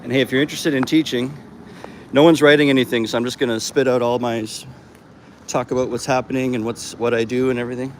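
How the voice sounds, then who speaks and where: A man chats loosely on a walk, with plenty of fillers and restarts. He speaks at a middling pitch for a man. His phone picks him up outdoors, and loud road traffic runs behind him. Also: little pitch movement, quick pace, low-quality recording. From Canada. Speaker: vlogger and host. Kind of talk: casual walking livestream chat. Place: outdoors on a busy roadside. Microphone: phone held while walking. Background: passing vehicles and street noise.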